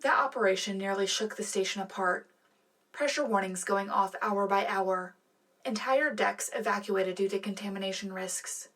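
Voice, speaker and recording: Close to an everyday voice, this woman speaks at medium pitch and moderate pace with a fairly bright tone. In the role of a patriotic, earnest wartime radio co-anchor, she reads scripted news with sincere drama.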